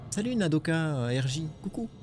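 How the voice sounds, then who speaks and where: A man with a French accent commenting casually on a game stream, excitable and swearing, joking with his chat. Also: fairly high pitch, brisk, slight background noise. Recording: music behind voice.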